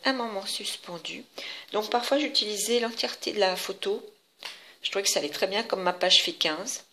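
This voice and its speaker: Bright-voiced woman showing a scrapbook. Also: medium pitch, slight background noise. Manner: chatty, hesitant with many fillers and restarts. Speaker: scrapbook crafter showing her album. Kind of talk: casual craft tutorial.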